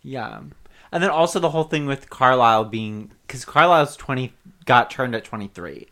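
A man's voice: mid-range voice, expressive, normal speed, pushed and bright. A man co-hosting a casual chat, explaining things in a laid-back way with fillers.

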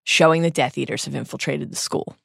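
A woman's voice: low voice, fairly quick, gravelly, a bit bright, husky, dry recording, clean studio sound. An American woman hosting a podcast, delivering a scripted intro and recap with playful banter and emphatic, dramatic flair. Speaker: podcast host and editor.

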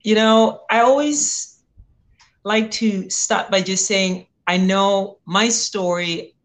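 A woman's voice: medium pitch, takes it slowly. A young woman from Zimbabwe, a guest in an interview, telling her story in an earnest, reflective way. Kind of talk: interview conversation.

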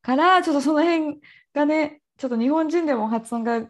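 A woman co-hosting a casual podcast chat, giggling often and reading out lists in a lively way. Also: high-pitched, a little fast. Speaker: podcast co-host.

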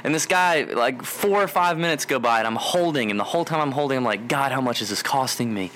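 A man in casual chat, hosting his show. His tone is bright and a little tense. He tells his story with lots of animation and laughter, over a faint layer of noise. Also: medium pitch, expressive, fast talker. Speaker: podcast host.

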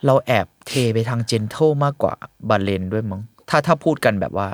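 A man's voice: fairly low pitch, expressive, moderate pace, no echo. A man co-hosting a casual podcast, musing aloud with hesitant restarts and repeated words. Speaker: podcast co-host.

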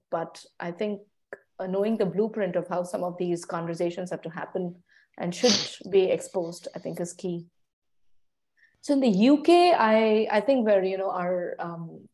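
Reflective woman with a mellow voice. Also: fairly low pitch. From India. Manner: reflective, measured, pauses to search for words. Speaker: interview guest, food writer. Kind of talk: conversational interview answers.

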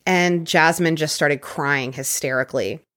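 A woman hosting a podcast, casually recounting a true-crime case with quick conversational asides. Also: deep voice, fairly bright tone. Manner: conversational, quick asides, occasional put-on quotes. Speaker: podcast host telling a case.

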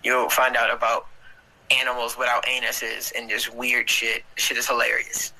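A man's voice: medium pitch, monotone, moderate pace, bright, forceful tone, low-quality recording. A man hosting a livestream over a video call, bantering casually with jokes and profanity. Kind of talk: casual chat.

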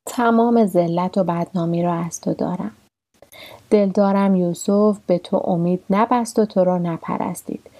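Brief: grieving aged woman in a storybook, humbled and pleading, low gravelly tone; a woman narrator reads her. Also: fairly even intonation, mellow. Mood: bitter.

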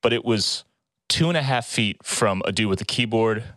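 A man with a lowish voice hosts a podcast in an upbeat, conversational way. The sound is dry, with very little room around him. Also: moderate pace, a bit bright, dry recording. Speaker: podcast host. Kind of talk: upbeat podcast intro and casual chat.

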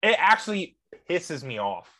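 A man's voice: a little high, very animated, unhurried, fairly bright tone. A young man co-hosting a casual podcast, rambling and gushing with frequent laughs. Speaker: podcast co-host.

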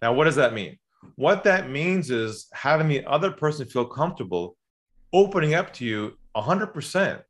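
A man who is a sales trainer on a podcast, telling stories and acting out phone calls, dropping to a calm low voice and jumping to excited high bursts. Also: moderate pace. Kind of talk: podcast conversation, storytelling.

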